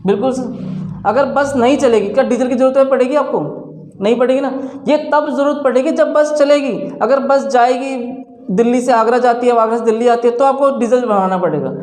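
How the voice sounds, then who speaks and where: A man's voice: very high voice, fairly quick, darkish tone. Roomy-sounding man teaching a class. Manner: asks the class questions and answers them himself. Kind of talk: classroom lecture. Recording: roomy echo.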